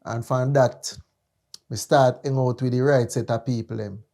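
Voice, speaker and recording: A man's voice: medium pitch, fairly even intonation, moderate pace, vocal fry, warm tone. A man with a Jamaican accent hosting a casual chat in slangy, emphatic Patois. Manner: slangy, emphatic, repeating check-in phrases. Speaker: podcast host. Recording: music behind the voice.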